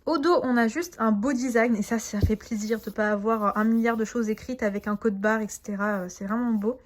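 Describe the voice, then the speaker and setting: A woman's voice: fairly high pitch, brisk. A woman doing a casual unboxing, chatty and enthusiastic with frequent hesitations, reading out card names and translating them. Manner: reads English card names aloud with translations. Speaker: tarot and oracle deck reviewer.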